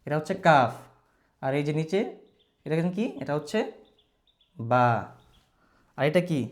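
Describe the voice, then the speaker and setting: A patient male teacher, speaking a touch higher than most men. He spells out letters and syllables one by one, repeats them over and over for his students, and drops English words into his talk. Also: measured pace. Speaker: Quran reading teacher. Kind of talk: online reading lesson.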